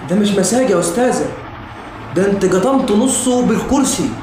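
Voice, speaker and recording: Echoey, fast-talking high-voiced Egyptian man. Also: lively intonation. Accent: Egyptian Arabic. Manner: exclaiming, addressing viewers and clips informally. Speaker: host of comedy reaction videos. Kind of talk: casual comedic reaction commentary. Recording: very echoey room, noisy background.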